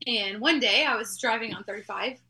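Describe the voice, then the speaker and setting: A young woman from Texas, a band's singer-songwriter, telling her story in a chatty, relaxed way. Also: on the high side, a little fast. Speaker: band singer-songwriter, guest. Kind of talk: casual interview chat.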